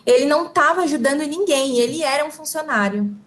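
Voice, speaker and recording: A woman with a Brazilian Portuguese accent interprets a talk phrase by phrase. Her voice is high and her delivery fast, and she keeps pace with the speaker. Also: lively intonation. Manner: quick, relaying phrase by phrase. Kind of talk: consecutive interpreting.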